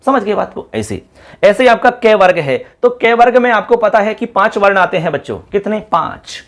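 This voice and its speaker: A man leads a lesson in a chatty classroom style, firing questions at his students and answering them himself. His voice sits a little high and swings up and down with lively emphasis. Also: normal speed. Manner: lively, repeats call-and-response questions to students. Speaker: teacher.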